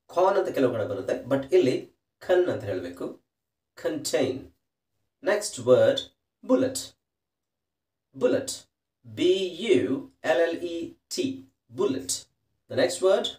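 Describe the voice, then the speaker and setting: Slow, lively-pitched male English teacher. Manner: spells words letter by letter, explains slowly. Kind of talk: spelling and pronunciation lesson. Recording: roomy echo, distant from the mic.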